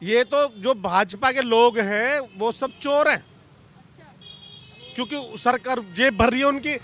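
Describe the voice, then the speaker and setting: An angry young man, a mechanic, complains loudly in a street interview and lists rising prices one after another. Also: extremely high pitch, unhurried. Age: young adult. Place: outdoors on a busy street.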